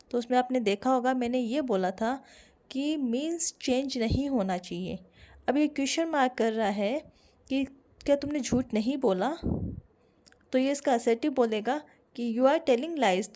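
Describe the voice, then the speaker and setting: A young woman with an Indian accent teaching English grammar online, explaining slowly and repeating each example sentence. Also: a little high, warm tone.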